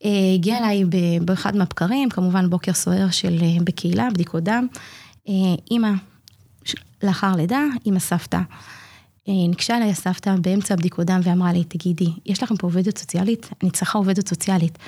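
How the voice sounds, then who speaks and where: A woman in her forties, a community nurse, telling a personal story in an interview, acting out what people said and pausing often to hesitate. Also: fairly low pitch. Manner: earnest, animated retelling that acts out quoted dialogue; frequent hesitation fillers. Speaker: community child-health nurse.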